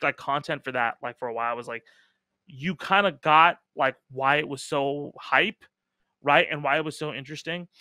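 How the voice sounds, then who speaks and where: A man's voice: on the high side, bright, forceful tone, no room sound, studio quality. A man hosting a casual podcast chat, talking emphatically with lots of fillers and casual swearing. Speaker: podcast host.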